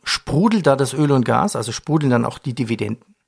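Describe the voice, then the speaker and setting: A man's voice: medium pitch, expressive, brisk, creaky, slightly rough. A man hosting a finance interview, asking questions in a conversational, joking way. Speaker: interviewer, show host.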